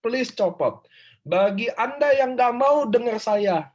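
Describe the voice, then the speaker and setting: A man's voice: very high-pitched, animated, takes it slowly, highs cut off. A man giving an informal, emphatic motivational talk over a video call. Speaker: motivational speaker. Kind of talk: online motivational workshop talk.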